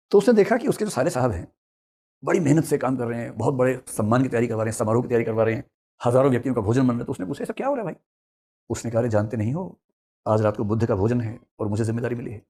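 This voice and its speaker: A middle-aged male teacher tells a story to his class at a quick clip. His voice sits at a middle pitch, and he slips into the characters' lines with lively, chatty asides. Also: husky. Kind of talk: storytelling lecture.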